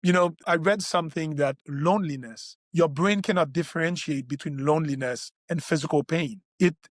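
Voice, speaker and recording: This podcast host is a doctor whose native tongue is French or Creole rather than English, and his voice sits a little high at a normal speed. His health explanations are earnest, with frequent restarts. It's captured in studio quality with no echo.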